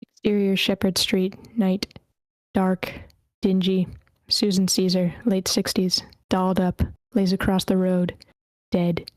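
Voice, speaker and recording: A woman reads scene directions aloud at a script table read, at a steady pace. She sometimes trips over character names. Her voice sits at a middle pitch and stays flat and even, recorded close and dry. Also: slow, dry recording. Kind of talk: reading screenplay action lines aloud. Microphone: computer mic in an online meeting.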